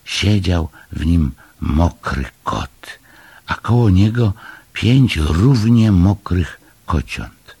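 Brief: storybook narrator, man, expressive, gravelly low voice, breathy tone. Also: very slow, dry recording. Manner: expressive, changes voice for each figure. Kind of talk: storybook reading aloud.

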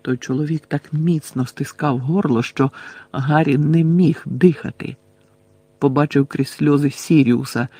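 A man reading an audiobook with dramatic, steady storytelling. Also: on the high side, no room sound. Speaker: audiobook narrator. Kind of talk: scripted narration.

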